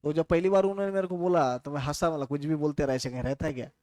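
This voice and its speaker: A man's voice: fairly high pitch, steady tone, very fast, a little mellow, dry recording. A man from India giving a casual, chatty classroom lecture, telling stories and asking his students questions.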